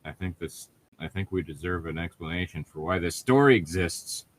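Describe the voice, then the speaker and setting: A low male voice with lively intonation moves at a moderate pace. The podcast host reads lines of fan fiction aloud and riffs casually in between, with an exasperated, sarcastic manner and plenty of profanity.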